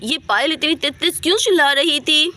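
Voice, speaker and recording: A curious, nosy young village woman, voiced by a woman storyteller for a doll story. Her voice is high and bright. She peppers others with questions. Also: normal speed.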